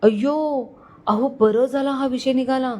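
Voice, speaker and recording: A woman's voice: a little high, normal speed, darkish tone, natural voice. A woman narrator voicing a young married woman who speaks in an emotional, pleading way. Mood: hurt, earnest.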